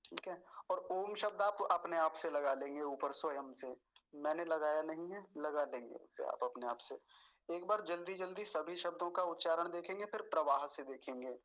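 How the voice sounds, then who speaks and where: A man patiently teaching mantra pronunciation, slowly repeating and drawing out each word. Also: on the high side, a bit bright, low-quality recording. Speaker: Vedic recitation teacher. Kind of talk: pronunciation lesson.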